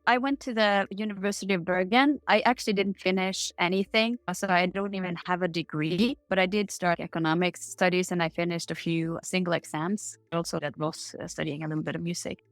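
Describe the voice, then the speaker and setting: A woman's voice: on the low side, steady tone, fairly quick, hardly any pauses, dry recording. A middle-aged woman from Norway with a Norwegian accent, answering interview questions in a candid, upbeat way over a remote call. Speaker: guest.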